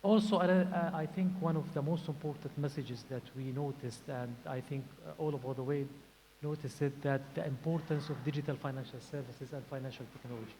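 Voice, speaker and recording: A man's voice: mid-range voice, steady tone, brisk, mellow. Hesitant man in a hall. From Jordan. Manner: hesitant, many fillers and restarts. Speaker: financial regulator panelist. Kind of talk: panel discussion remarks. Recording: reverberant hall with faint hiss.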